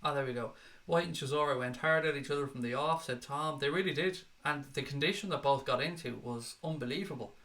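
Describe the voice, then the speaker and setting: A man's voice: a little high, a little fast, hardly any pauses, a bit bright. An Irish man hosting a casual livestream, reading viewer comments aloud and answering them bluntly, swearing freely. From Ireland. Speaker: livestream host reading chat. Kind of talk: casual chat.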